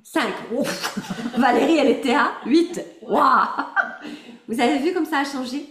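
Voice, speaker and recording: Her high, slightly bright voice keeps a measured pace as she coaches a group through an emotional exercise over video. Encouraging and quick to laugh, she names people as she calls on them, and the sound carries a roomy echo.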